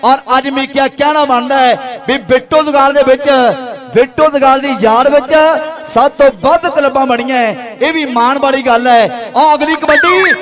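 Male Punjabi rural sports commentator, very high-pitched, frantic delivery in chanted rhyming verse, clear crowd noise behind. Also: steady tone, normal speed. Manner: chanting, repeats rhymed couplets for effect. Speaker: kabaddi match commentator. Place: outdoor village kabaddi tournament over a crowd. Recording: loud crowd, outdoor sports ground.

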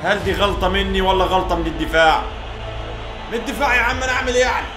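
A young man with an Egyptian accent, commentating his own football video game match and shouting and pleading at the play. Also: high voice, very fast. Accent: Egyptian Arabic. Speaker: gaming YouTuber. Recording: echoey room with game music.

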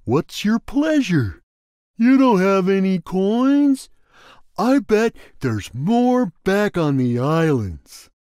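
A huge, good-natured purple cat from a video game, speaking slowly and kindly. His voice sits high and swoops widely up and down, with drawn-out words. The sound is close and dry. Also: sing-song, a little mellow, no room sound, heavily acted. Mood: friendly. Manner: slow, friendly and simple-minded, drawn-out words. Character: big gentle slow male purple cat fisherman. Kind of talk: game voice lines.

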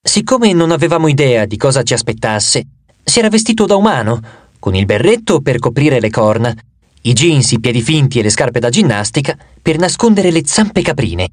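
A man narrating an audiobook in an expressive first-person storytelling manner. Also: medium pitch, moderate pace, no echo.

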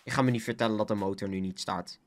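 A gaming channel host giving Let's Play commentary, excitable, often yelping and laughing, and peppering their speech with English slang. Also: sits low, fast talker.

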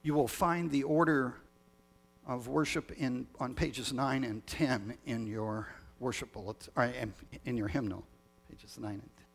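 A male pastor reads the communion liturgy in a slow, solemn cadence, now and then restarting a phrase. His voice is gravelly and a little husky. A long cathedral-like echo trails every phrase through the large church. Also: mid-range voice, steady tone. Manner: measured, solemn liturgical reading with small restarts. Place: church sanctuary.

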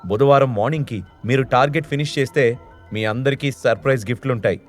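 A man's voice: mid-range voice, quick pace, faint music behind, lightly acted. A man voicing a young male business owner, stammering nervous manner, audio drama. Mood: firm. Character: young male company owner, anxious under pressure.

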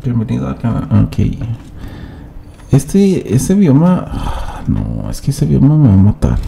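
A man streams a game live, talking straight to his chat with teasing banter. His voice is gravelly and very dark, and he speaks slowly with a lively, swinging pitch. Faint keyboard clatter sits behind him. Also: a little hiss or hum. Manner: chatty, addresses chat directly, teasing banter. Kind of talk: live gameplay commentary.

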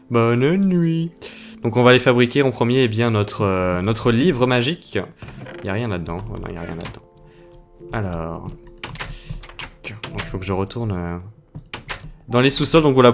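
A young French man casually commenting on his game for viewers, playful and chatty, with game music behind him. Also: fairly low pitch. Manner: chatty, playful, talking to viewers while playing. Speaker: gaming video host. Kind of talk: casual Let's Play commentary.

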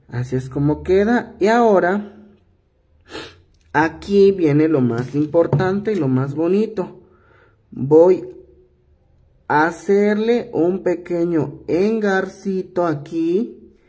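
Slow, husky-voiced man with a cough. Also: on the high side, mellow. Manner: patient, repetitive step-by-step instructing. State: hoarse from a cough. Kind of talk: hands-on craft tutorial.

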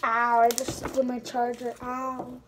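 A woman's voice: on the high side, monotone, a little slow, fairly bright tone. A female vlogger casually chatting to viewers from her bedroom while making slime, rambling with apologetic asides. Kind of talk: casual vlog chat to viewers. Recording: crinkling and clicking noise behind voice.

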